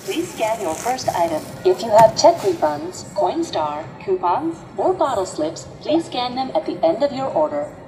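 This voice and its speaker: A woman's voice: on the high side, big pitch swings, normal speed, hardly any pauses, music in the background, rough recording. A woman's voice recorded as a polite automated self-checkout machine voice, giving clipped store checkout instructions.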